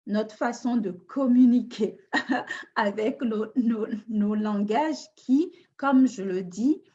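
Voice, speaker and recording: A woman from Africa coaches on relationships in an unscripted live talk, answering a question hesitantly and thoughtfully with frequent restarts. Her voice is fairly high, mellow and slow. The live stream audio sounds dull and lo-fi.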